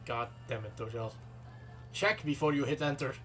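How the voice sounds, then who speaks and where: A man's voice: mid-range voice, moderate pace, fairly bright tone. A man from continental Europe, a native Dutch speaker, casually commenting on a game for his chat in a dry, self-mocking way. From Europe, not the British Isles. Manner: dry, self-mocking, talks to chat while reading game text aloud. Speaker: streamer. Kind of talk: live game stream commentary. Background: game music.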